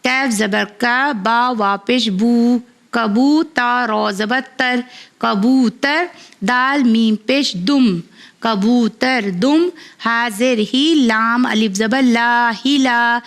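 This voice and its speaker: A woman with a fairly high voice teaches children to read. She spells each word slowly, syllable by syllable, and then explains the rules at a brisk pace. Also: fairly bright tone. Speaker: Quran reading teacher for children.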